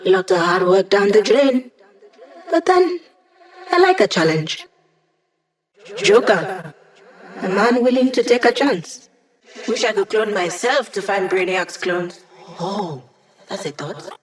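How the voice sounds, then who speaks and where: A woman's voice: mid-range voice, lively intonation, takes it slowly, pauses often. An actress playing a young digital hacker woman in a video game, wry and playful, with casual, teasing tech-geek banter. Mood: exasperated, wry, then confident. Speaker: hacker support character guiding a squad. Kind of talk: video game character voice lines.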